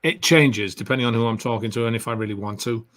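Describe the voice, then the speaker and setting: A man with an English accent, a guest actor telling stories in a relaxed interview, rambling and filling his talk with "you know". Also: mid-range voice, fast. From England.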